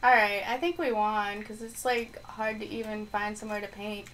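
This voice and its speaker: Chatting casually on a live game stream, a woman with a medium-pitched, slightly bright voice thinks aloud and answers viewers at a normal speed with fairly even intonation. Her mic sits on the floor, and there's a little hiss or hum.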